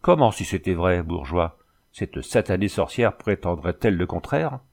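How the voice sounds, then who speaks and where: A man's voice: deep voice, expressive, moderate pace, creaky, a little mellow, full character voice. A man voicing a drunken, ragged male ruffian who rambles, blusters and swears. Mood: gruff.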